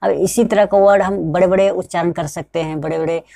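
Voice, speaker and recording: A woman's voice: on the low side, fairly even intonation, fairly quick, creaky, warm tone, no echo, clean studio sound. A woman teaching pronunciation step by step, repeating each point and asking the viewers if they understand. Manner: repetitive, keeps asking the viewers rhetorical check-in questions. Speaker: spoken English teacher.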